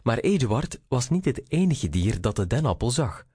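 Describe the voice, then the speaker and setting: A man reading a rhyming children's story aloud, slow, expressive and sing-song. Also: mid-range voice, breathy edge, dry recording, clean studio sound.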